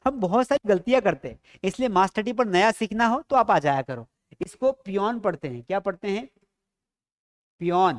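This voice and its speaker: High, smooth-voiced man teaching English. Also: lively intonation, brisk. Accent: Indian English. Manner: drills students with repeated questions. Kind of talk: classroom lesson.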